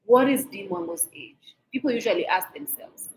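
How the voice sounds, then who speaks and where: A woman's voice: mid-range voice, expressive, moderate pace, a little hiss or hum. A woman from Kenya with a Kenyan accent, giving casual, talkative commentary on celebrity gossip to her viewers, emphatic and repeating herself. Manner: mixes in Swahili phrases.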